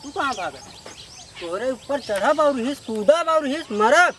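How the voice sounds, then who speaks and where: Man acting a high-voiced belligerent drunk Awadhi village husband. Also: lively intonation, measured pace, noisy background. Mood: self-pitying, defiant. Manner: belligerent drunk, rambling and repetitive. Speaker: comic actor in a village skit. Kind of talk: broad rural comedy acting.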